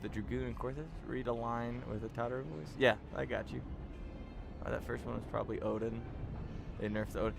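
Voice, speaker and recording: A man's voice: mid-range voice, fairly even intonation, a little fast, vocal fry, music in the background. A man hosting a casual gaming livestream, laughing often and talking to his chat. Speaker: streamer host.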